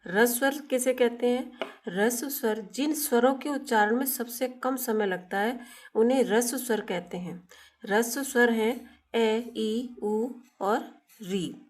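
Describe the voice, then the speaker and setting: A woman teaching a class in a slow, unhurried way. Her voice sits a little high. She poses questions to the children, answers them herself, and stretches out each sound as she explains. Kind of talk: classroom grammar lesson.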